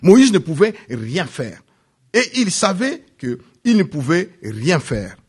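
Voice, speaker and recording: A man preaching a sermon, repeating phrases and swinging from loud peaks to hushed drops. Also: on the high side, big pitch swings, takes it slowly, slightly rough. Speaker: pastor.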